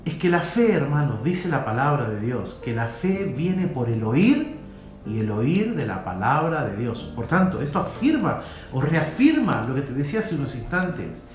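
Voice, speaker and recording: A man's voice: mid-range voice, sing-song, normal speed. A man preaching a sermon in a church hall, with emphatic swells and drops. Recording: echoey hall with faint guitar.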